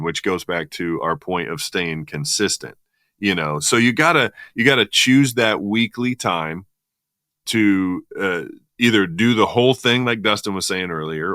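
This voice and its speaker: A man's voice: low voice, a bit bright, no room sound, clean studio sound. A man from the US Midwest co-hosting a podcast, talking casually and enthusiastically with many restarts. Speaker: podcast co-host.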